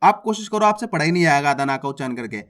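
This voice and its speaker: A reading teacher who sounds out words syllable by syllable, then says each whole, and checks with viewers that it is clear. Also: medium pitch, expressive, rapid-fire. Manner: addresses viewers as friends, asks if it is clear. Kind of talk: slow word-by-word reading lesson.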